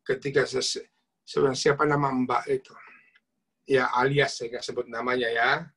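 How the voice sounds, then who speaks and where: A man's voice: mid-range voice, level tone, normal speed, a bit bright, husky. A man preaching at an online prayer meeting, telling a long story and often addressing his listeners directly. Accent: Indonesian. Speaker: lay preacher. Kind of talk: sermon with storytelling.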